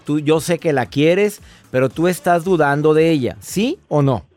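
With faint music playing behind him, a radio host with a voice on the high side speaks at normal speed. He gives a caller warm, emphatic, fatherly advice full of rhetorical questions, and also interviews a guest.

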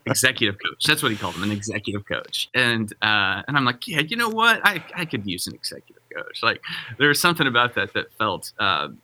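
In a casual podcast conversation, a middle-aged pastor speaks a little fast in a low-leaning, sing-song voice with a bright, forceful tone. He rambles, cuts himself off and keeps restarting his sentences.

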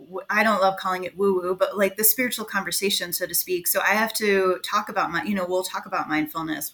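Guest: gushing woman coach, slightly low register, chatty and eager. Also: pushed and bright. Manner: enthusiastic, gushing, lots of "like" fillers. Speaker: equine-partnered life coach, guest. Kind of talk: casual interview chat.

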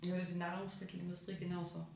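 Earnest low-voiced woman. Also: monotone, very fast, gravelly, darkish tone, slight background noise. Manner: earnest, emphatic, reasons through examples. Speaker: psychotherapist or psychiatrist guest. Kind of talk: explanatory interview talk.

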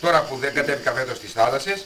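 A man telling a casual anecdote, animated and acting out the dialogue. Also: medium pitch, recorded from a distance, noisy background. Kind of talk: casual storytelling.

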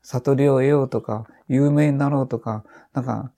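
Gravelly older man, rambling storyteller. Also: mid-range voice, fairly even intonation, normal speed, mellow. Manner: rambling, with many restarts and trailing phrases. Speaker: author and podcast guest. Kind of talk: casual conversation.

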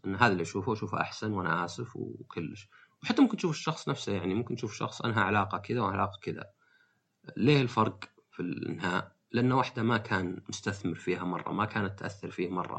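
Man, podcast host, casual monologue, thinking aloud, husky low voice, very rapid delivery. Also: a bit bright. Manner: thinking aloud, frequent fillers and restarts, slips into quoted voices.

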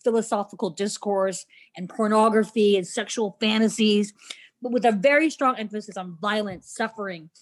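A woman's voice: mid-range voice, moderate pace. A woman guest in a casual podcast chat, talking in a chatty, rambling way. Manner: chatty, rambling, laughs easily.

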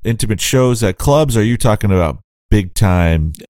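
Very deep-voiced man, halting speech. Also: animated, a little mellow, no room sound. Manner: hesitant, many fillers. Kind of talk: casual chat.

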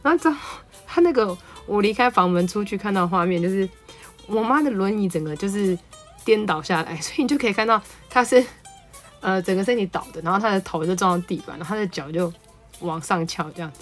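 A woman psychologist, telling a family story and reading a picture book aloud in a lively, laughing way. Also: medium pitch, quick pace, soft background music. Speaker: psychologist podcast host.

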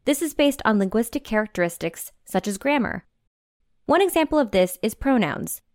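A woman co-hosting a podcast, reading a scripted explainer in a clear, measured, teacherly way. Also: fairly high pitch, expressive, a little mellow, no room sound, studio quality. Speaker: podcast co-host.

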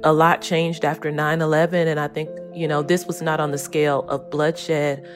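A woman's voice: low-pitched, flat delivery, normal speed, music in the background. A woman newspaper correspondent recounting what she saw, in a conversational, reflective way. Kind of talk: recounting in an interview.

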